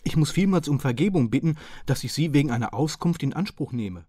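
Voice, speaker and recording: Guy doing a fussy polite councillor, high voice, kinda pushy and earnest, storybook reading. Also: expressive, fairly quick, warm tone, breathy edge, no room sound, clean studio sound. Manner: courteous, earnest, precise. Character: polite, modest middle-aged councillor, slim and pedantic.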